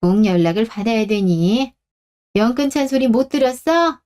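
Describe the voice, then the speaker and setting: A woman's voice: on the high side, expressive, normal speed, a little mellow, close to an everyday voice. A woman voicing a firm older mother who scolds her grown son in a radio drama. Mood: scolding. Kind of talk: Korean radio drama acting.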